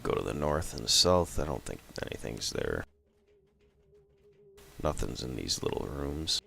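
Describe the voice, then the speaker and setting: A man with a sick voice giving relaxed, casual commentary over his own gameplay, thinking aloud as he plays. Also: extremely low pitch, a little slow, gravelly. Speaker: gameplay video host.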